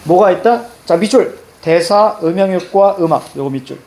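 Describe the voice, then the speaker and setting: A man's voice: high-pitched, moderate pace, gravelly, roomy sound. A man teaching a reading lesson for exams, walking students through a passage and prompting them with questions. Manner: lively, repeats "자" constantly, prompts students with questions.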